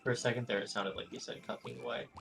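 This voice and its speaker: A man makes dry, teasing remarks during a game stream. His voice is gravelly with fry. Game music plays clearly behind. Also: mid-range voice, steady tone, very fast. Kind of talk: casual gaming chat.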